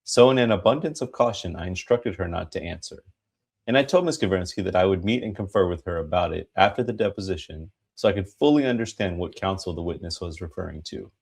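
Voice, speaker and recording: A man giving a dramatic reading of a court transcript as an attorney, formal and emphatic, with a gravelly, husky voice. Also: deep voice, lively intonation, fast, darkish tone. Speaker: reader voicing an attorney in a hearing.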